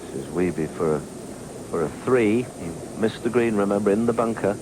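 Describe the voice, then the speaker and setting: A man giving measured, understated live commentary on a golf tournament. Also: on the low side. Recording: noisy outdoor 1980s TV broadcast.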